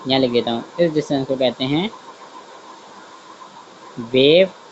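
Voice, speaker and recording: Medium in pitch and moderate in pace, this man's voice comes through dull audio against a noisy background. He teaches an online science class conversationally, reasoning out loud while drawing and frequently saying "theek hai." Along the way he self-corrects and asks if the students got it.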